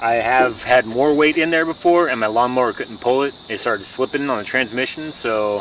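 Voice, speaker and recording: A man's voice: medium pitch, normal speed. A young man in his twenties giving a rambling, folksy how-to talk about lawn care while crouching in his backyard, restarting his sentences often. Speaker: home lawn care vlogger. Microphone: camera mic on a tripod some distance away. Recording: distant camera mic outdoors with faint insect noise.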